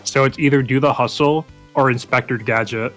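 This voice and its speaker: A man's voice: mid-range voice, fairly even intonation, fairly bright tone, soft background music. A man chatting casually on a game stream, joking and laughing often. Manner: jokey, laughs a lot, quick asides. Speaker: stream guest.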